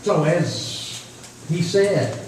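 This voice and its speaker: Extremely slow yet animated, this man's voice runs on the high side with a darkish tone. As a preacher at a youth camp, he gives an informal, folksy, repetitive sermon to young people, captured in an echoey room by a distant microphone with faint noise.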